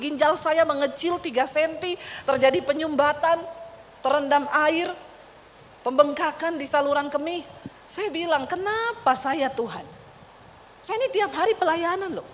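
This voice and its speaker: High-voiced woman preaching in a hall. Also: a little hiss or hum. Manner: storytelling with emphatic repeated cries. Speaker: pastor. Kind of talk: sermon. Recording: reverberant church hall, faint ambience.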